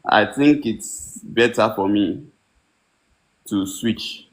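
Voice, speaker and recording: A man's voice: lowish voice, very slow, rough recording. A man calling in to an investment show, speaking hesitantly and trailing off as he explains his uncertainty. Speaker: caller. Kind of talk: call-in question.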